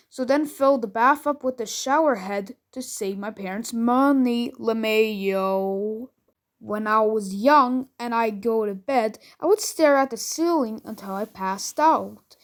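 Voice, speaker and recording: A high, light female voice reads a run of short funny posts at an unhurried, even pace. She reads every line literally, emoji names and all, with the steady flow of text-to-speech narration. Nothing rushes her from one post to the next.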